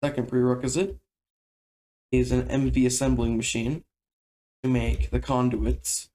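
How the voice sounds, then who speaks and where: A man giving a casual game tutorial voice-over, explaining in a relaxed, conversational way. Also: mid-range voice, a little slow.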